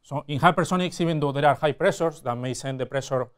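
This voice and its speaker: A man in his forties giving a technical university lecture, explaining step by step with frequent pauses mid-phrase. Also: on the high side, clean tone. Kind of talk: technical lecture at a whiteboard with slides. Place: indoor classroom or studio with whiteboard.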